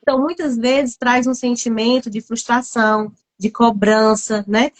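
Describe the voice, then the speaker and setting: A Brazilian woman hosts a live interview in a slightly high voice. She affirms her guest with brief replies, then asks open, reflective questions. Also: fairly even intonation, unhurried, low-quality recording. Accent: Brazilian Portuguese. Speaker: host.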